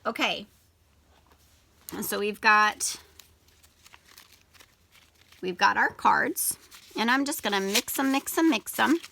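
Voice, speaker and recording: A woman teacher giving step-by-step instructions to young children in simple, deliberate phrases, stressing example words and sounds. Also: a little high, creaky, pushed and bright, a little hiss or hum. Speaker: elementary school teacher. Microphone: video camera.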